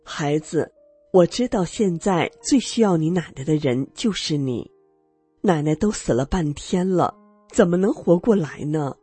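A woman's voice: low-pitched, expressive, unhurried, dark tone, breathy edge, no room sound, faint music behind, full character voice. A woman voicing an anxious, insistent middle-aged aunt in a dramatized radio story.

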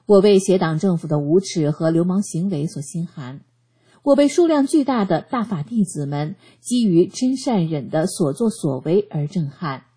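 A woman giving a scripted narration of a first-person testimony, reading in an earnest, steady way. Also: lowish voice, normal speed, slightly rough.

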